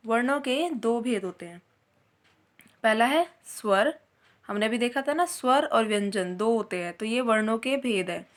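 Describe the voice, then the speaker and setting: A woman's voice: fairly high pitch, expressive, moderate pace. A woman teaching a Hindi grammar lesson, explaining step by step and answering her own questions as she goes.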